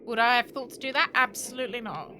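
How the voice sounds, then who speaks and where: Playing a video game on stream, this British woman talks casually to viewers and thinks out loud as she goes. She speaks fast in a slightly high voice over a noisy background.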